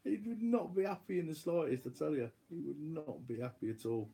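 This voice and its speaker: A man's voice: on the high side, brisk, gravelly, warm tone. A man chatting on a casual live stream, rambling and laughing often. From United Kingdom. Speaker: co-host of a live chat stream.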